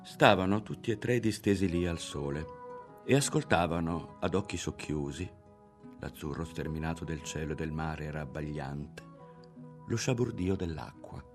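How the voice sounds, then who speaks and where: A man narrating a literary novel aloud in a measured, grave manner. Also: very deep voice, music in the background. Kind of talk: literary audiobook reading.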